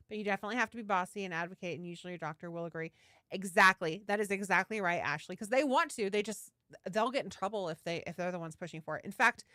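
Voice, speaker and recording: A woman's voice: mid-range voice, pushed and bright, no echo, studio quality. A woman hosting a casual live stream, chatting enthusiastically and reading out viewer comments. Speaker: livestream host, yarn dyer. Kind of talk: casual livestream chat.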